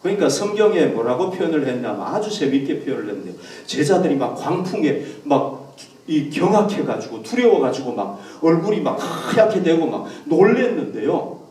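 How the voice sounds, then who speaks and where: A male pastor preaching a lively sermon to his congregation and acting out quoted lines with a rising voice, recorded at a distance in a church hall. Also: a little high, a little fast.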